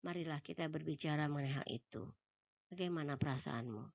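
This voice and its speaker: A woman reading a self-help book aloud in a steady manner, giving voice to the quoted lines of dialogue. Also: sits low, a little fast, creaky, highs cut off. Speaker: book reader.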